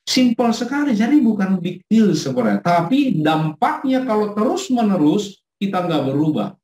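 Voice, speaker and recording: Middle-aged male pastor, animated teacher of parents, roomy hall sound. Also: sits high, moderate pace. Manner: animated, acts out quotes from his child. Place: church hall. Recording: echoey room.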